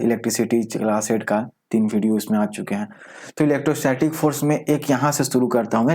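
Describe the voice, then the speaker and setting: A man teaching a school science class online, often asking rhetorical questions and mixing in English terms, reading definitions out slowly. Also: medium pitch, warm tone. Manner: explains with frequent rhetorical questions. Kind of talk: recorded online class lecture.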